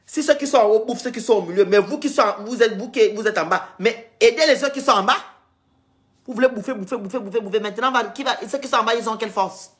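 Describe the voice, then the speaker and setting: A woman's voice: a little high, quick pace. Scolding woman streaming live. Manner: scolding, repetitive, lecturing. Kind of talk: heated live-stream rant.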